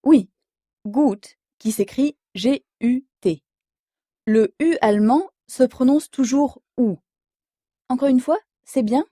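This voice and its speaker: A woman leads an audio language lesson, explaining slowly and clearly and spelling words out letter by letter. Her voice sits high with a dark tone, recorded dry with clean studio sound.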